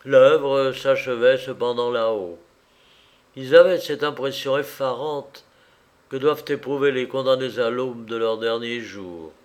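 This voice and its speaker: A man narrating a novel as an audiobook in a measured, dramatic way. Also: medium pitch, fairly even intonation.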